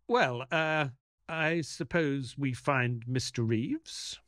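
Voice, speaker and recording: A man's voice: medium pitch, lively intonation, very slow, a bit bright, no echo, studio quality. An actor playing an earnest, easily baffled male ex-soldier doctor who narrates and talks in an audio drama. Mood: earnest, narrating. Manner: hesitant, puzzled, earnest. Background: music.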